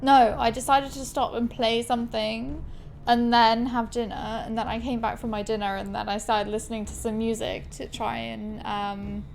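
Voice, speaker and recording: A woman's voice: fairly high pitch, vocal fry, slight background noise. A woman hosting a gaming video, chatting casually and informally as she plays. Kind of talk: casual chat while playing a game.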